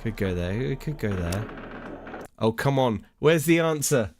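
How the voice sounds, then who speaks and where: Over a noisy background, a man streaming a mystery game speaks at a measured pace with a medium-pitched, expressive voice. His gameplay commentary is casual and chatty, aimed at his chat, and often self-mocking.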